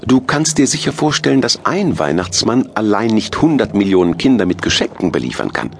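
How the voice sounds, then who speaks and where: A man's voice: lowish voice, sing-song, a little fast, a little hiss or hum, voice pushed up. A man voicing a thin, cheerful Santa Claus who explains things eagerly in a children's storybook.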